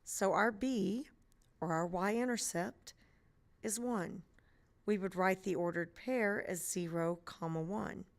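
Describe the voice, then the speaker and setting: A woman math teacher narrates a screencast lesson, walking through each step patiently. Her voice sits at an ordinary middle pitch, and she keeps things light with playful memory tricks. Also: slow.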